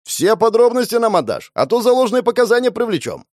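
A man reading an audiobook, voicing a blunt police officer who shouts at an old woman and mutters scornful asides. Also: extremely high pitch, big pitch swings, fairly quick, dry recording, clean studio sound, voice pushed up, full character voice. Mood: bullying. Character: gruff blunt male police officer, loud and mocking.

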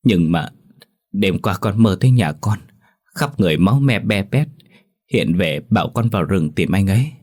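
A man's voice: low-pitched, expressive, normal speed, a little mellow, slightly rough. A man voicing a tearful young village wife. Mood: pleading, tearful. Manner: pleading, tearful. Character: distressed young village wife searching for husband.

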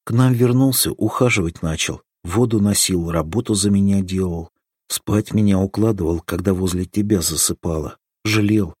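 A man reading the part of an affectionate, teasing young village girl in an audiobook, lifting his voice into a bright pleading lilt. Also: deep voice, normal speed, slightly rough, no room sound, studio quality. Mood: tender.

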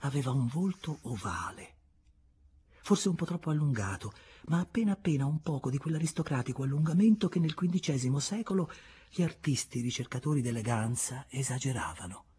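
Narrazione da audiolibro letterario: un lettore dalla voce maschile nella media, fortemente velata e soffiata. Legge con calma e cura, abbassando talvolta la voce in un sussurro. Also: male voice, mid-range voice, slightly rough. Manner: measured, expressive, sometimes dropping to a whisper. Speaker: audiobook reader.

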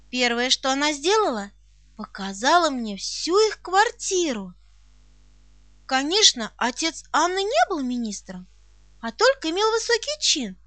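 A woman's voice: extremely high pitch, sharp tone, no room sound. A woman reading an audiobook aloud, telling a first-person story expressively. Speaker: audiobook narrator. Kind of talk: scripted audiobook narration.

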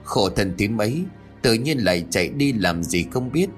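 A man's voice: lowish voice, animated, normal speed, faint music behind, close to an everyday voice. A man voicing a lamenting elderly village woman in a narrated ghost story. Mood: tearful.

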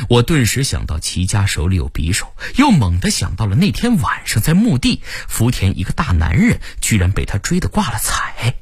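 Brief: husky male storyteller, very animated pitch, suspense narration. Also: dry recording, clean studio sound. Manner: vivid, suspense-building delivery. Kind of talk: dramatic first-person story narration.

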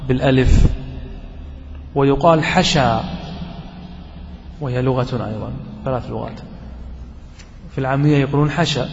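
A man teaching an Arabic grammar lesson to a class. He keeps checking that the students follow with quick questions, and he repeats his examples slowly. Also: on the high side, slight background noise. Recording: dull lo-fi recording in a hall with long reverb.

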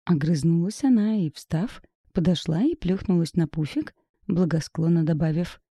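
A woman reading a first-person audiobook in a wry, lively storytelling manner, close to the mic. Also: lowish voice, moderate pace, slightly rough, no room sound. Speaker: audiobook narrator.

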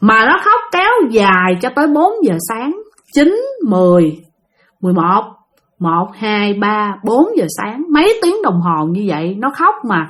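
A woman's voice: mid-range voice, a little slow. A woman telling a spooky real-life story and talking straight to her listeners. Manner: animated, talks straight to listeners.

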